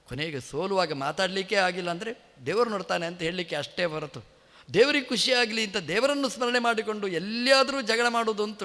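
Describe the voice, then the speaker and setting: A man's voice: sits high, sharp tone. A man giving a devotional sermon, telling a story with rhetorical questions to the audience. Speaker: religious leader giving a discourse. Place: temple hall. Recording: echoey temple hall.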